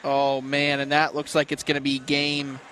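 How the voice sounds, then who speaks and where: A man's voice: mid-range voice, monotone, normal speed, sharp tone, a little hiss or hum. A man commenting on a cornhole tournament from a booth, analytical and bantering with his co-host. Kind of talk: casual sports commentary.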